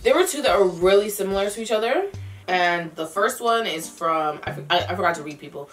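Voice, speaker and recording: A young woman vlogger talks casually and candidly to her viewers with music behind her. She gives advice in an emphatic way, repeating phrases to drive them home, in a mid-pitched voice. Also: animated, fairly quick. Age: young adult. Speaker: vlogger answering viewer questions. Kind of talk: casual mukbang chat to camera.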